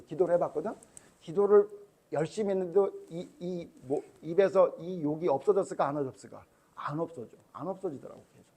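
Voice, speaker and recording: A man's voice: sits high, husky. A male pastor giving a Sunday school sermon to children, chatting with them and quizzing them with questions.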